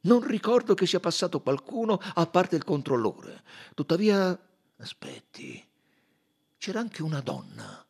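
A man reading an audiobook, voicing a stiff, gruff older British army colonel who talks in clipped, grumbling, hesitant phrases. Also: high voice, wildly swooping pitch, unhurried, voice pushed up, exaggerated voice.

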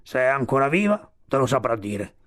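A man voicing a grumpy, sleepy old male walrus in a storybook reading, grumbling slowly. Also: mid-range voice, sing-song, fairly bright tone, dry recording, studio quality. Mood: dismissive.

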